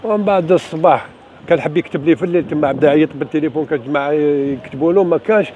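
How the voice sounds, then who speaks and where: Fast-talking, high-pitched older Algerian man. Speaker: member of the public telling his grievance. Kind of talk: spontaneous spoken account to camera. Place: outdoors on a city street. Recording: dull, noisy street phone recording.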